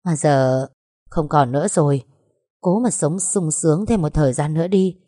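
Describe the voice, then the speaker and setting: A spiteful young rival who drips with mockery and sneers at every word, put on by a woman reading the story. Her voice sits fairly low, and the recording is close and dry. She moves between cold taunts and shrill fury. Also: moderate pace, mellow, no echo. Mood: taunting.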